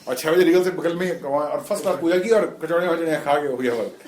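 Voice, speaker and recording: A man's voice: on the high side, fast, a little mellow, slight background noise. Man teaching a class in an echoey room. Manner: chatty, explains with questions to the class. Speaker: spiritual teacher.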